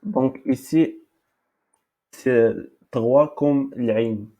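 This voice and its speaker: Male teacher, dark tone, halting delivery. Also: mid-range voice. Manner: halting, many fillers and repetitions. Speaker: language teacher. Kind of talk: slow spoken lesson, repeating words.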